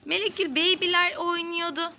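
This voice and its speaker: A woman's voice: extremely high pitch, steady tone, moderate pace, sharp tone, a little hiss or hum. A woman, a mother, narrating doll play for children in a chatty, sing-song way and talking to the viewers. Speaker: mother hosting a kids' toy channel.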